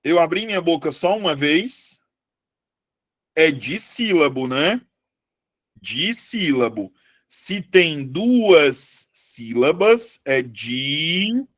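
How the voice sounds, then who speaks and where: A man teaching a live online Portuguese lesson, chatty and lively, often putting questions to his students. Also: a little high, slow pace, no room sound, studio quality.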